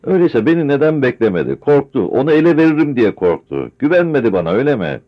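A man voicing a grieving, frail old village man who pleads tearfully in a high, strained voice. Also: sing-song, quick pace. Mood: distraught. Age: older. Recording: dull lo-fi recording.

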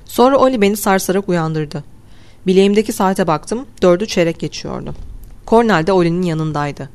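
A steady first-person audiobook narration of a suspenseful novel. The reader keeps an even, measured storytelling delivery, letting the tension come from the text rather than from big vocal swings. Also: medium pitch. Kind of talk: scripted narration.

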